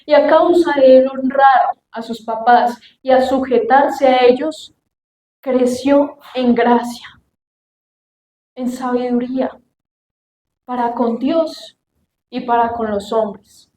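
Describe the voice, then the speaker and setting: A young woman with a high voice delivers a sermon, acting out family voices as she tells lively stories. Her voice rings in an echoey room. A faint ambient hum sits behind her. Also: takes it slowly, long pauses. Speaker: youth preacher.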